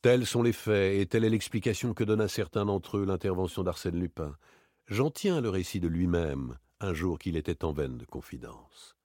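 A man reading literary narration for an audiobook in a measured, low-key way. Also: lively intonation, a little mellow, no echo, studio quality. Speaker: audiobook reader.

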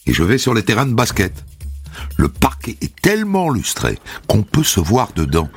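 A young man from Saint-Denis with a Paris-suburbs accent, narrating his own story in an animated, lively way. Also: lowish voice, moderate pace, husky, soft background music. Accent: Paris suburbs French. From Saint-Denis, France.

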